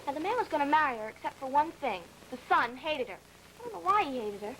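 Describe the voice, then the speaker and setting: An actress playing a talkative, romantic-minded young daughter in a 1950s family drama, earnest and inquisitive. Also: female voice, high voice, sing-song, fast talker, fairly bright tone, slight background noise, poor audio.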